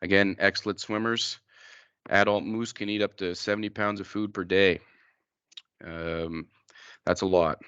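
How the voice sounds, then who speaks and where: A man presenting an informal educational wildlife slideshow, explaining things in a plain-spoken, halting way. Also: low voice, a bit bright, clean tone, no room sound, lo-fi sound.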